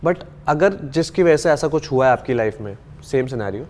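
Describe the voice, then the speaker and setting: A young man in a casual interview, pressing his points hard and dropping English phrases into his sentences. His voice sits at an ordinary mid pitch. A faint hum of background noise runs behind him. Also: animated, normal speed, a little mellow. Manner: emphatic, argumentative, mixes in English phrases. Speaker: interview guest, reality show contestant.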